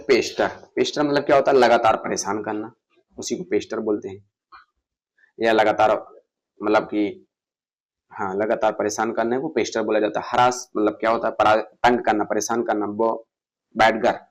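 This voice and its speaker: Gravelly male vocabulary teacher. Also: lowish voice, rough recording. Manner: asks and answers his own questions, repeats words. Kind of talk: exam-prep vocabulary lesson.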